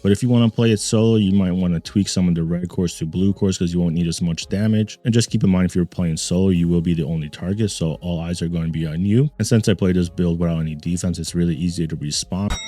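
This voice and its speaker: A man's voice: low voice, steady tone, quick pace, hardly any pauses, mellow. A man hosting a gaming channel, giving playful gameplay commentary and repeating his catchphrases, recorded at a desk mic in a home gaming setup.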